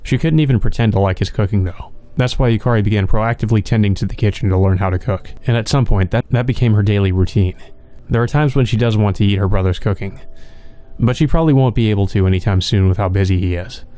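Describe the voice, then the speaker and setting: A man with a fairly low, mellow voice reads visual novel narration aloud for a let's play. His delivery is plain and measured, like steady storytelling.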